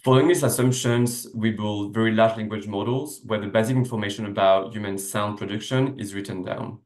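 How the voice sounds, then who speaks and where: A researcher from a French-speaking background gives a slide-based academic seminar from his desk via video call. His slightly low, somewhat mellow voice moves fairly quickly, explaining step by step with lots of "uh"s and self-corrections. The laptop mic catches a noticeably echoey room.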